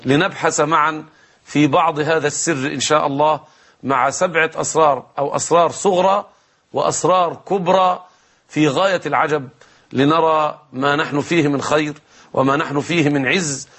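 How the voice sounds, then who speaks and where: A man's voice: fairly high pitch, steady tone, fairly quick, fairly bright tone. A man hosting a religious talk show, speaking formally and closing with prayers. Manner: formal, preacher-like, invoking prayers. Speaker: host.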